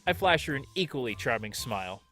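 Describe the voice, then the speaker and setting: A man's voice: medium pitch, big pitch swings, a little fast, pushed and bright, soft background music. A man hosting a let's play, reading the game's text aloud and joking along with it in a playful, sarcastic way. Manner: playful and sarcastic, jumps into mock voices.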